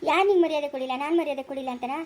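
Woman, Chikkaballapura Kannada accent, high rapid quarrelsome delivery for village family drama. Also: darkish tone. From Karnataka. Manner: scolding, quarrelsome.

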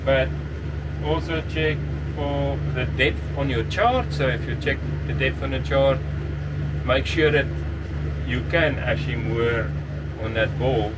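A middle-aged sailing vlogger stands on a catamaran deck by the sea, explaining casually and a little slowly how to sail in and pick up a mooring ball. His medium-pitched voice is very noisy; he restarts phrases and chuckles at times. The audio begins on a headset mic, then switches to a close camera mic.

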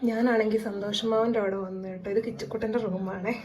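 A woman's voice: mid-range voice, steady tone, fast, a little mellow, husky, lo-fi sound. A woman, chatting to her viewers in a casual family vlog. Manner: chatty, addresses viewers, frequent "kettō" tags. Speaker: vlogger.

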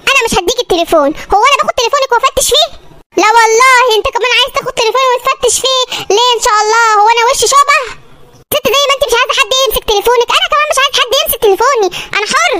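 A performer voicing a stubborn, defensive husband in an animated sketch, speaking with an Egyptian accent. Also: very high voice, racing, noisy background. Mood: defiant. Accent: Egyptian Arabic. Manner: defiant, dismissive.

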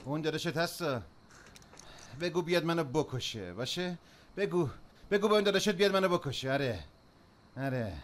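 A man dubbing a volatile drunk husband who snarls threats, swinging between shouting and low muttering, in a dubbed film. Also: lively intonation, pauses often, a little hiss or hum, close to an everyday voice. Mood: bitter. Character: volatile drunk man, Yusuf, bullying his wife. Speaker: dub actor.

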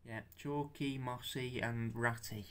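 Halting young man with a bright voice. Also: mid-range voice, steady tone, clear, resonant tone. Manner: halting, stammering, swears, self-conscious. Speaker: stop-motion creator showing his figures. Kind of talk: casual show-and-tell.

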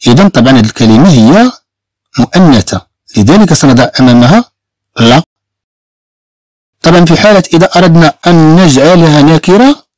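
A Moroccan man gives a beginner lesson in a dry, close voice-over with no room sound. His pitch rises and falls in lively swings as he says each word slowly, then repeats it two or three times so learners can copy him. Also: no echo. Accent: Moroccan Arabic. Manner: slow, repeats each word several times to drill pronunciation. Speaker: French teacher.

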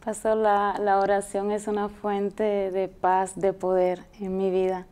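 A woman's voice: medium pitch, unhurried, clean tone. A young woman, a guest on a TV interview, telling her experience earnestly and with animation. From Dominican Republic. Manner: earnest, animated storytelling with hesitations. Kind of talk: TV interview testimony. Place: TV studio set, indoors. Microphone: lapel mic.

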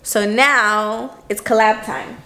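A woman's voice: a little high, fairly even intonation, takes it slowly, bright, forceful tone. A woman hosting a casual vlog, chatting loosely with plenty of fillers. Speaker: vlogger host. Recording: echoey room.

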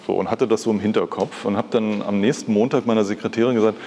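Speaking quickly in a lowish, dark voice with fairly even intonation, an East German man in his fifties recounts personal stories as a guest at a live talk. He is an art patron, and his storytelling is reflective and conversational. The recording carries the reverb of a large glass-fronted hall, plus slight background noise.

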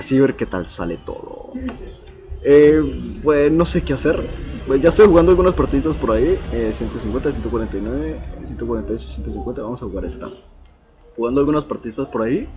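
A man giving excited live gameplay commentary at home, cursing at opponents, recorded on a laptop's built-in mic. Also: medium pitch. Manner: excitable, swears and shouts at opponents. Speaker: gaming YouTuber. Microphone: laptop's built-in mic, no external mic. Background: a TV playing in the background.

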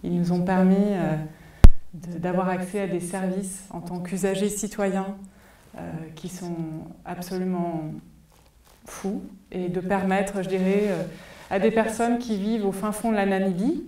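On a cinema stage, a woman from France in her forties talks in a dark, mellow, mid-range voice, unhurried and fairly even in intonation, with plenty of thoughtful fillers. She uses a headset mic but sounds set back in the large, reverberant hall. A slight hiss or hum is audible.

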